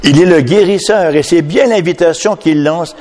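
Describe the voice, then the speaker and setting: A man's voice: fairly high pitch, moderate pace, darkish tone, long reverb tail. A man preaching a sermon emphatically, often tagging his points with a questioning "hein?". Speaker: pastor.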